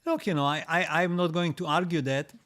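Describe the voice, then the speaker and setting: Answering viewer comments on a casual live stream, this higher-voiced Israeli man reads each comment aloud before responding. He speaks haltingly, often restarting and repeating words, in a steady, slightly bright tone.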